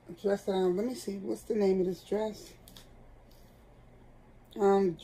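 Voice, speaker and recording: A woman's voice: medium pitch, warm tone, low-quality recording. Chatty middle-aged woman vlogger. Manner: chatty and candid, talks straight to viewers. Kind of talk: casual chat. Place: at home, seated indoors.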